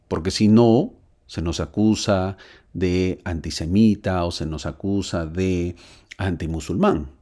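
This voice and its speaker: Low, animated male Bible teacher who quizzes himself out loud. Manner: emphatic, asks and answers his own questions. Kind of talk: Bible lesson lecture. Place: living in Texas.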